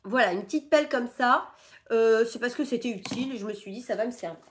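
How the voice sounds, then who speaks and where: Chatty French woman, a little high-pitched, sick and stuffy, casual haul talk at home. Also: fast, a little hiss or hum. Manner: chatty, rambling, many fillers. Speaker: vlogger showing a shopping haul. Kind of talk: casual haul chat to camera.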